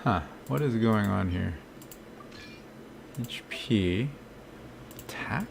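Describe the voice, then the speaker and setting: A man's voice: lowish voice, lively intonation, drawn-out words, vocal fry, background noise. A man streaming a game, thinking aloud casually and answering chat questions. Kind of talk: live gameplay commentary.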